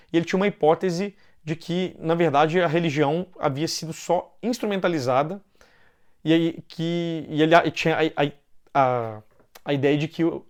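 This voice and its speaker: Brazilian man with a higher voice. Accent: Brazilian Portuguese. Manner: conversational, often ends phrases with a questioning "né"; loosely paced with pauses and restarts. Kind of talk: informal explanatory talk.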